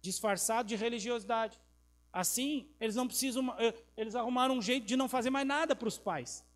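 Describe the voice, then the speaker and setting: Middle-aged Southern Brazilian pastor, lively sermon storyteller, high-pitched, faint electrical hum behind. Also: male voice, brisk. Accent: Southern Brazilian Portuguese. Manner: animated, storytelling, shifts from loud emphasis to quiet intimacy. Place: church. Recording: mains hum in background.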